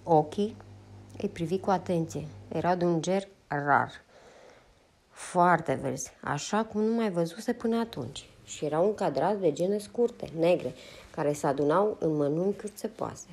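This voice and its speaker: A woman narrating a novel aloud, steady and unhurried. Her voice is mellow and warm, sitting a little low. She reads straight through the narration. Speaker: audiobook reader. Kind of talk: audiobook narration.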